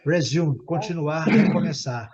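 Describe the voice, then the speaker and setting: A middle-aged Brazilian man with a Brazilian Portuguese accent, teaching a group English lesson and repeating English words slowly for his students. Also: a little high, lively intonation, darkish tone, husky, highs cut off.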